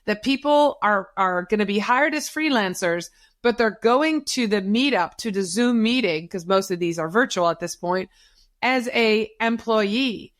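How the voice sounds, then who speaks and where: A middle-aged Dutch woman, speaking English as an interview guest who runs a social media business, hands out career advice like a coach. She's emphatic and animated yet unhurried, repeating key phrases to make them stick, and her voice is at a typical female pitch.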